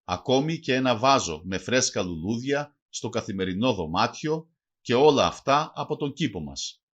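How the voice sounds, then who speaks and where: A man reading a language lesson aloud, slowly and carefully going through lists of words and their meanings. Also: medium pitch, animated, slightly rough, highs cut off. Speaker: language teacher. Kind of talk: read-aloud vocabulary lesson.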